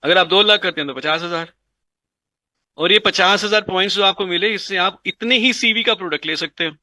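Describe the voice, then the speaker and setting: A man's voice: high voice, fairly quick, sharp tone, no echo. A man explaining a business plan in an interview, mixing in English and repeating phrases for emphasis. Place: indoors at a dining table.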